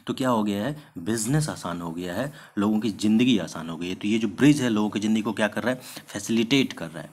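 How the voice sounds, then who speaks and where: A man teaching English vocabulary in Hindi, mixing in English words. He keeps asking rhetorical questions and answering them himself, and slows down to spell out and stress example sentences. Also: on the low side, expressive, darkish tone. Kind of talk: classroom-style vocabulary lesson.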